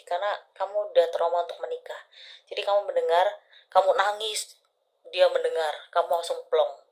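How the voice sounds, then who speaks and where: A woman reading a caller's palm on a live stream, intimate and affectionate, often dropping to a whisper and then breaking into loud laughter. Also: fairly low pitch, rough recording. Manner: intimate, calls listener "sayang", swings between soft whispers and loud laughter. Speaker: palm reader.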